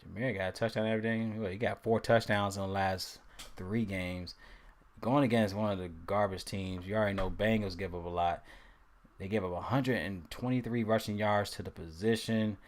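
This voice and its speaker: A man's voice: on the low side, fairly even intonation, normal speed. A man hosting a casual fantasy sports live stream, talking loosely with slang and playfully repeating player names as he tries to say them.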